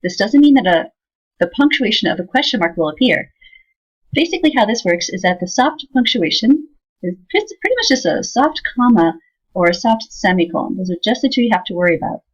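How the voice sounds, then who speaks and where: Husky-voiced woman explaining software. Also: medium pitch, very animated, brisk. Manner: casual, thinking aloud with fillers. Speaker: instructor. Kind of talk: software tutorial screencast. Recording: slightly dull lo-fi sound.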